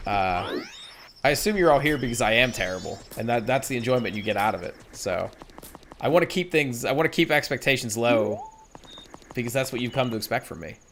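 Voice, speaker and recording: A man's voice: mid-range voice, animated, moderate pace, long pauses, a bit bright, slight background noise. A man giving casual, rambling and self-deprecating commentary while streaming a game. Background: game music.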